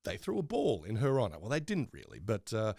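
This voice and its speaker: An Australian man chats as a podcast co-host with a gravelly, creaky edge. His pitch moves around freely, and his delivery is wry and tongue-in-cheek, with some hesitant phrasing. The sound is close and dry. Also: huge pitch swings, fairly quick, dark tone, no echo. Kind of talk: casual banter.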